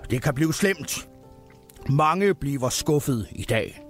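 Comedic storyteller a man voicing an over-the-top, raging Santa, loud and high-strung. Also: expressive, faint music behind, close to an everyday voice. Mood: ranting. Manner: ranting, grandly dramatic. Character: furious melodramatic male Santa Claus.

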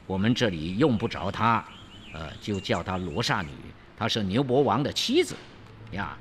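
A storyteller doing a low mild woodcutter. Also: lively intonation, moderate pace, fairly bright tone, slight background noise. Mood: amused. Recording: long hall reverb, faint ambience.

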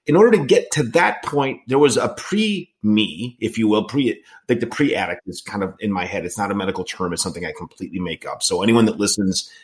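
A man in his forties, a podcast host in recovery, runs a casual interview, speaking earnestly and rambling with frequent restarts. His voice is on the low side, expressive and fairly quick, with hardly any pauses. He's in his late forties.

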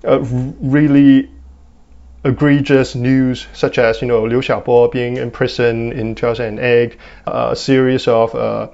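A man's voice: mid-range voice, level tone, measured pace, gravelly, darkish tone, dull audio. A man in his twenties with a Hong Kong accent, giving thoughtful interview answers with many fillers and "right?" tags. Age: 20s. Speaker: guest.

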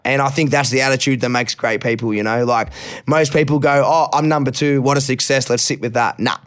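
A man's voice: mid-range voice, steady tone, a little fast, clean tone. An Australian man, a rapper guesting on a podcast, talking candidly and reflectively in casual chat, swearing now and then and repeating words when moved.

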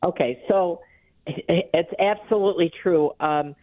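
With a lowish voice and a slightly slow delivery, a woman serving as an expert guest explains things in a live radio interview conducted over the phone. She's alert and wide awake, a tax preparer who is also a company chief executive. The tinny telephone audio has no echo.

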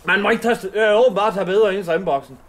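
A man playing an indignant local candidate who keeps swearing, in a comedy sketch. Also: sits high. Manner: blustering, indignant, swears a lot. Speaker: comic candidate character.

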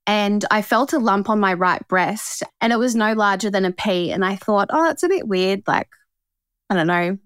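A woman in her twenties with an Australian accent and a mid-pitched voice. She tells personal stories as a podcast guest, chatty and slangy. The sound is dry, with no room echo. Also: normal speed, smooth. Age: 20s. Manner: slangy, chatty, quotes conversations. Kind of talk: casual personal storytelling.

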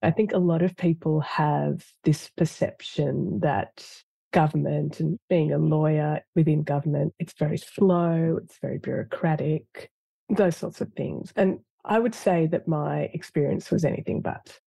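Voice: medium pitch, measured pace, gravelly, dark tone, no echo. A government lawyer, a guest in an interview, answering in a reflective and earnest way with frequent fillers.

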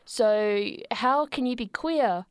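A young Australian woman co-hosting a radio show in a studio, chatting casually with a playful, sarcastic humour and quick laughs. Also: fairly high pitch, smooth, no room sound. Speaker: radio co-host.

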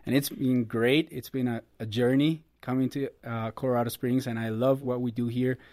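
A man in his thirties, guesting on an interview. He talks in an earnest, upbeat way at a middling pitch. The recording is dry and close. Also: steady tone, moderate pace, darkish tone, no room sound. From Costa Rica. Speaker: guest, ministry producer. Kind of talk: casual interview.

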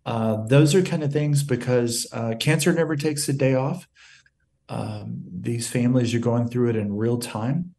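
A man's voice: medium pitch, unhurried, a little mellow. Earnest man telling a moving story. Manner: earnest, emotional, retells dialogue with quoted exchanges. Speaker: nonprofit CEO guest. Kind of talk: heartfelt interview storytelling.

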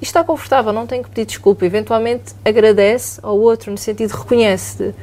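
Mellow-voiced Portuguese woman psychologist. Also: on the high side, fast talker. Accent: European Portuguese. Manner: calm, explanatory, often asks "não é?". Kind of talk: explanatory podcast talk.

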